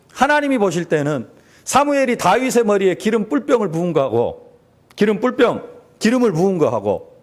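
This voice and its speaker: A man preaching a sermon as pastor in a church, with emphatic rising peaks, sudden drops and rhetorical questions. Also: high-pitched. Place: church sanctuary.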